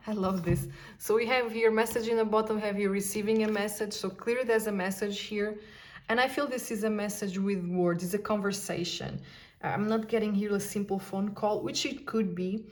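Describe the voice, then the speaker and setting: A woman giving an intuitive tarot reading, talking softly and musing aloud with sighs and pauses. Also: mid-range voice, fairly even intonation. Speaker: tarot card reader.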